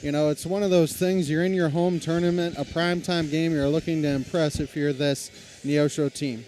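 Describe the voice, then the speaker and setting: A man announcing a high school basketball game play-by-play, talking in a casual, conversational way. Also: fairly even intonation, normal speed, darkish tone, faint music behind. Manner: conversational, reads lineups, self-deprecating.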